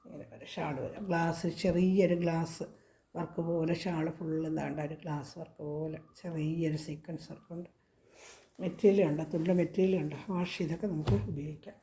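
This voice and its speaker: A woman with a Kerala Malayalam accent and a slightly hoarse voice from a cold, chatting casually as she shows clothing for sale. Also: sits low, steady tone, a little fast, dark tone, roomy sound, a little hiss or hum. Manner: chatty, repeats prices and sizes. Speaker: clothing seller. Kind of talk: casual product showcase.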